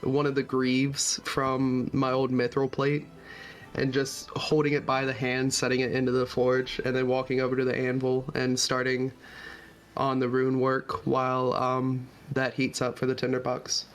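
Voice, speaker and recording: A man's voice: medium pitch, completely flat delivery, normal speed. A man playing in a tabletop game, chatting casually and hedging with fillers. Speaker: player.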